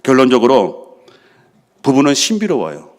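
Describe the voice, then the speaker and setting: Lively-voiced pastor quizzing his congregation. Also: medium pitch, moderate pace. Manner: asks the congregation questions and answers them himself; drops to a soft hush for prayers he acts out. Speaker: senior pastor. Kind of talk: sermon.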